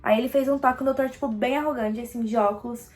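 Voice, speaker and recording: Young brazilian girl telling her story, kinda high voice, acts out the quotes. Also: steady tone, fast, a little mellow. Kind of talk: casual storytelling vlog.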